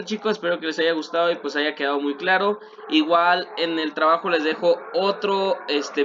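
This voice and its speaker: A young man teaching French verb forms in a video lesson, patiently repeating conjugations and filling pauses with "este". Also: a little high, sharp tone. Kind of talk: classroom-style video lesson. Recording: dull lo-fi recording.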